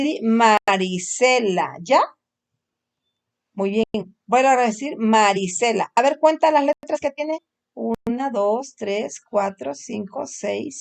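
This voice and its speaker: At home, a woman teacher gives a young child a phonics lesson, sounding out letters slowly and patiently coaxing repetition. Her voice is a little high and gravelly.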